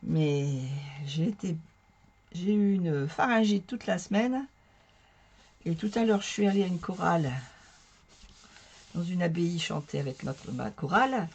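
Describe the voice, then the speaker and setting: A woman with a hoarse, strained voice explaining a card-making tutorial in a chatty, self-mocking way as she works. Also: on the low side, animated, unhurried, long pauses, darkish tone, muffled recording. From northern France. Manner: chatty, talks to viewers while working, self-mocking. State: hoarse from a sore throat. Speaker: craft tutorial host. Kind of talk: casual crafting tutorial.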